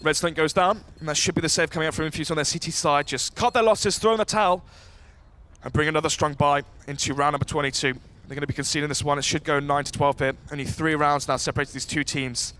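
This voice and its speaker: A man giving live esports caster commentary, running through each round in a brisk, clipped analytical way. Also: a little high, sharp tone. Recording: faint game noise behind voice.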